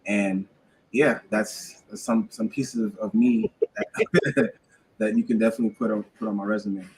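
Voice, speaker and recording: Honduran-born man, radio guest, a bit low, hesitant and filler-heavy. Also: moderate pace, a little mellow, rough recording. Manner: hesitant, full of fillers and restarts. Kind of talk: casual radio interview.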